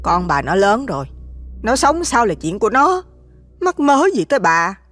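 A woman's voice: mid-range voice, big pitch swings, normal speed, a bit bright, no room sound, faint music behind. A woman voicing a blunt, defiant older woman who answers curtly. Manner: curt, defiant.

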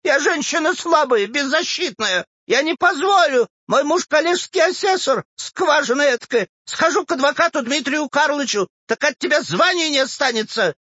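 A man's voice: very high voice, animated, moderate pace, hardly any pauses, sharp tone, no room sound, highs cut off, pitched above the performer's own voice, full character voice. A man voicing a pushy, self-pitying old woman who whines and insists in a storybook reading. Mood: indignant shrill.

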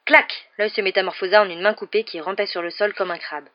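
A woman reading a novel aloud in steady, clear storytelling, on a muffled lo-fi recording. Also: medium pitch, quick pace. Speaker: audiobook reader.

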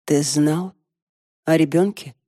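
Quiet, controlled wounded wife, read by a woman; mellow, dry tone. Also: sits low, fairly even intonation, slow pace, dry recording. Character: calm, wounded middle-aged wife.

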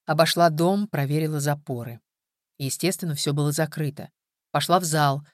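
A woman narrating an audiobook with a low voice and a steady, even read. The sound is dry and close to the mic. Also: no echo. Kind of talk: scripted narration.

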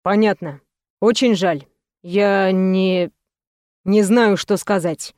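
A woman voicing a gentle, tender young man in an audiobook, speaking softly. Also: mid-range voice, slow, no room sound, clean studio sound, lightly acted. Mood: somber. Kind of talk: audiobook reading.

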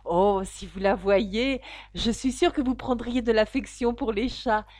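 A woman's voice: a little high, a little slow, darkish tone, dry recording. A woman voicing a polite, chatty young girl in a storybook reading, talking earnestly in a rush. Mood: gushing.

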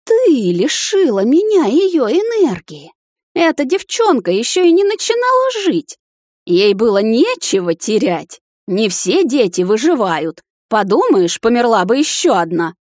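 A woman voicing a sly old female witch with a creaky voice, cooing one moment and shrieking with rage the next. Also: fairly low pitch, expressive, measured pace, a little mellow, no room sound, studio quality. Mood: furious.

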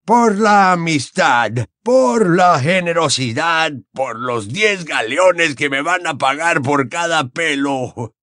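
A pompous old wizard professor from a storybook who has had too much wine. The voice sits high and squeaky and stretches every word out slowly. It is slurred and hiccupy, and the recording is close and dry. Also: male voice, lively intonation, bright, forceful tone, no room sound, heavily acted. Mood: toasting tipsily. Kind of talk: audiobook character voice.

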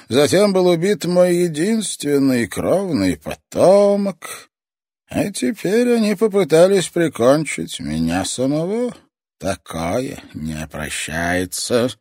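A man voicing a frail, sinister old toy master who talks slowly and grows weaker as he goes. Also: medium pitch, darkish tone, dry recording, clean studio sound, pitched above the performer's own voice. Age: older.

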